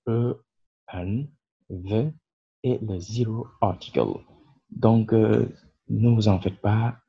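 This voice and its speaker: A man with a very husky, breathy voice talks slowly through a grammar lesson, patiently stopping to fill pauses. His tone is dark and mellow, and the recording sounds dull and lo-fi. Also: on the low side. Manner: slow, patient explaining with many fillers. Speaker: English teacher and channel creator. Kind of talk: French-language grammar lesson.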